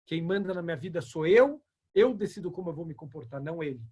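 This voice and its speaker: A man voicing a patient adult who calmly explains that he decides how to behave, speaking quietly and firmly. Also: fairly high pitch, quick pace, breathy edge.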